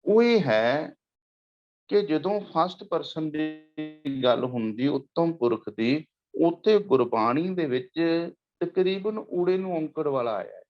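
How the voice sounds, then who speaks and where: A man with a Punjabi accent giving a patient lecture, repeating words and chanting verses slowly. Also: on the high side, expressive, highs cut off, faint music behind. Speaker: teacher. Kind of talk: lecture on Gurbani grammar with slides.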